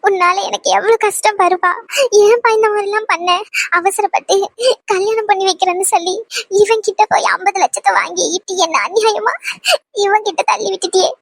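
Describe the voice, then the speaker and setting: A very high, squeaky young cartoon bride, voiced by a woman, tearful and pleading. The voice sits far above a normal adult's pitch. It is recorded close and dry, with no room sound. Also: fairly quick, a bit bright, no room sound. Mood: sobbing. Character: young bride, sweet, later desperate. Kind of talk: cartoon voice acting.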